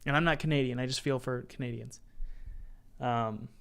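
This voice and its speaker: Guy streaming his game dev work, talks it thru out loud, keyboard clacking behind. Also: medium pitch, steady tone, moderate pace, vocal fry, clean tone. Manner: thinks aloud, restarts, reads chat messages. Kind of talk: casual live-stream chat while working.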